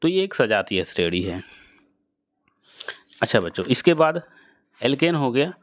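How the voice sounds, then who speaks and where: A man teaching a chemistry lesson to students, explaining slowly and repeating key phrases as he addresses the class directly. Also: mid-range voice, very animated, a bit bright, dry recording, studio quality. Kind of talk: classroom lecture.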